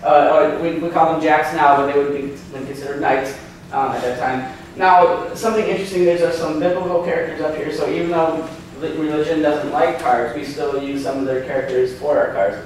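Man in his 30s, casual seminar presenter, slightly high voice, heard from a distance in a reverberant meeting room. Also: steady tone, fairly quick, slight background noise. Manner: chatty, many ums and restarts, asks audience questions. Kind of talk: informal lecture with slides. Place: hotel meeting room, indoors. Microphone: far camera, no handheld mic. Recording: echoey room from far off.

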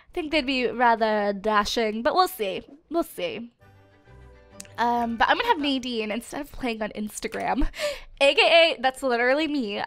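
A young woman with a noticeably high, bright, clean-toned voice hosts a casual let's play with a stuffed-up nose. She chats bubbly through her gameplay commentary, giggling often and tossing in quick asides.

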